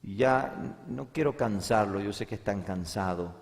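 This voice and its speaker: A man's voice: fairly low pitch, a little slow, creaky. Man preaching in a reverberant hall. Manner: emphatic preaching, swings between loud and hushed; repeats words for emphasis. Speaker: pastor. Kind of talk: sermon.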